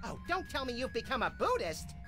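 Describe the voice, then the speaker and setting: An actor voicing a small, hyperactive, sarcastic rabbit sidekick, gleefully aggressive, in a cartoon game. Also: male voice, very high-pitched, big pitch swings, a little fast, music in the background. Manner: manic, sarcastic.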